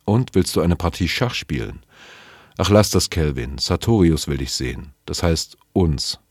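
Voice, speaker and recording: A man's voice: low voice, lively intonation, unhurried, slightly rough, no echo, clean studio sound, heavily acted. A man reading the lines of a guarded, edgy male scientist on a space station, who talks curtly and hesitantly in an audiobook reading. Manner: hesitant, curt, muttering.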